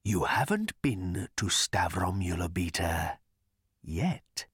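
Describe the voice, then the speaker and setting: A man reading an audiobook voices a bitter, vengeful male creature, speaking slowly with a hissing, brooding menace. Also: mid-range voice, sing-song, bright, forceful tone, dry recording, studio quality, pitched above the performer's own voice, heavily acted. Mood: broken, hushed. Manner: slow, hissing, drawn-out menace.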